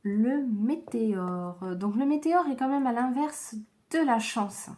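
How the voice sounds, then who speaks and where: A woman giving a slow, gentle tarot reading to viewers, tired and low on energy, with frequent hesitations. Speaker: tarot card reader.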